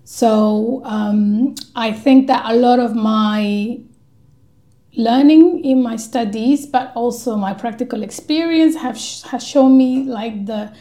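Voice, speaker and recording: Higher-voiced woman from Colombia, measured. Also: dark tone, echoey room. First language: Spanish. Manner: thoughtful, measured, frequent ums. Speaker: guest researcher. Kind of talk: podcast interview.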